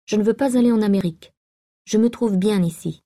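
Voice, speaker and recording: Brief: female reader doing a sulky, fatalistic wild young woman, dark mellow tone, storybook. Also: mid-range voice, moderate pace, lightly acted.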